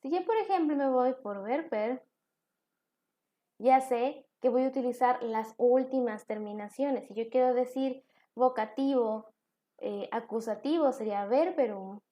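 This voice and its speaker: A woman's voice: on the high side, measured pace, dark tone. A woman teacher giving a recorded online class, explaining step by step with examples.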